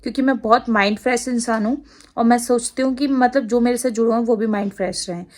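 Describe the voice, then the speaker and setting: A woman with an Agra-region Hindi accent talks to her camera in a loose, rambling vlog. Her voice sits somewhat high, and she drifts from point to point, laughing easily. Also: fairly even intonation, fast talker, darkish tone. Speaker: vlogger. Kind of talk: casual chat to camera.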